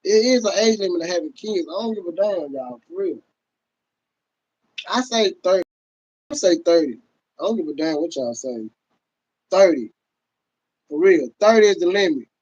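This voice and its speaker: Man in his thirties, high voice, swoops up and down, loud and profane, casual livestream, dull lo-fi sound. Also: expressive, normal speed, long pauses. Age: 30s. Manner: loud, laughing, profane, talks to viewers as y'all. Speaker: livestream host.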